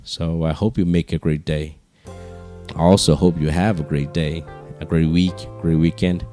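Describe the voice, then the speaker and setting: A man hosting a podcast solo, speaking slowly in a low, hushed register with casual, rambling, earnest encouragement. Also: steady tone, faint music behind. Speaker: podcast host.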